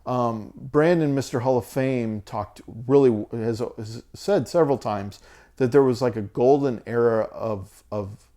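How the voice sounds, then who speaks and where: A man in his forties chats about his record collection in a slow, unhurried way. He hesitates often, circling back with ums and restarts. His voice is wearing thin, as if he is losing it. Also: mid-range voice, dark tone. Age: 40s. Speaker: vinyl collector vlogger. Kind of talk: casual talk to camera.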